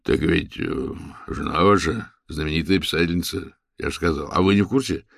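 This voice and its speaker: Audiobook figure: brisk fussy doctor, read by a man with a husky low voice, commanding. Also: a bit bright, dry recording, studio quality, exaggerated voice. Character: fussy middle-aged vet doctor.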